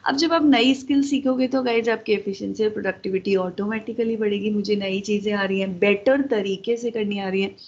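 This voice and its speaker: A woman's voice: medium pitch, steady tone, a little fast, few pauses, darkish tone, dull audio. A woman teaching a lesson in a conversational way, switching into English terms and talking directly to her viewers. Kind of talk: explanatory lecture.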